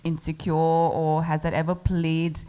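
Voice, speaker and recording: A woman's voice: low-pitched, flat delivery, dark tone. A woman judging a pageant interview, firing off questions and switching between Nepali and English. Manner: rapid, mixing Nepali and English. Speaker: pageant judge.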